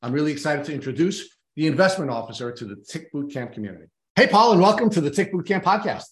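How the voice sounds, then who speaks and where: A fast-talking man from Long Island, New York, with a fairly high, sing-song voice co-hosts a podcast and introduces his guest. He's friendly and enthusiastic, dropping some ums between phrases. The recording has a roomy echo.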